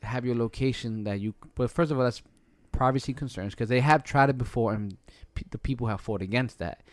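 A man with an average-pitched voice hosts a casual chat. He talks in loose, slangy, bro-like phrases, and the recording is close and dry. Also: fairly quick, no room sound. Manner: slangy, colloquial, bro-like banter. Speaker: podcast host.

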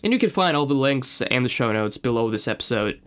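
A man with a Russian accent hosts a podcast in a medium-pitched voice. A native Russian speaker, he delivers a scripted monologue in an earnest, personal storytelling way. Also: animated, brisk, a bit bright, clear, resonant tone. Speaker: podcast host.

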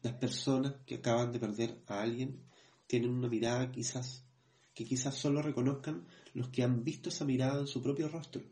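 A man co-hosting a podcast, reading passages from a book in a measured way, then hesitating as he comments in his own words. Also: mid-range voice, steady tone, warm tone. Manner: measured reading, hesitant when speaking freely. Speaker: podcast co-host.

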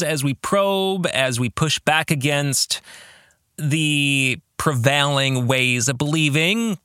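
Speaking with a slightly high, sharp tone and no echo, this podcast host and author delivers thoughtful book club commentary at a measured pace. Along the way he puts rhetorical questions to his audience.

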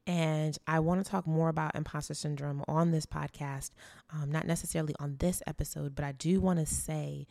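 A woman's voice: deep voice, fairly even intonation, fairly quick, vocal fry, mellow, no echo. An American woman hosting an inspirational podcast in a conversational, earnest and affirming way, with a preacher's emphasis and repetition.

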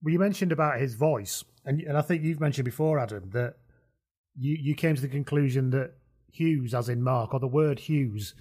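A man hosting a casual football podcast chat, talking in a relaxed way and laughing often. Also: mid-range voice, normal speed, breathy edge. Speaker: podcast host.

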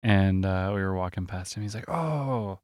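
A man's voice: deep voice, monotone, fairly quick, a little mellow, smooth, dry recording, clean studio sound. A man co-hosting a podcast, telling stories in a laid-back way and laughing often. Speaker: podcast co-host. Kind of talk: casual chat.

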